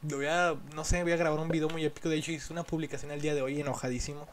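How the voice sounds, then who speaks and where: A man's voice: fairly high pitch, flat delivery, very fast, slight background noise. A man with a Mexican accent chatting casually over gameplay as a gaming YouTuber, rambling and complaining in an annoyed way.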